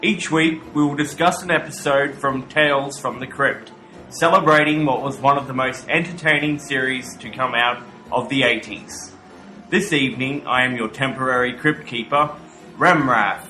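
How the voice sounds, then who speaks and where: A man's voice: mid-range voice, fairly even intonation, moderate pace, pushed and bright, roomy sound, rough recording. A man hosting a horror podcast, giving commentary with some horror-host flourishes.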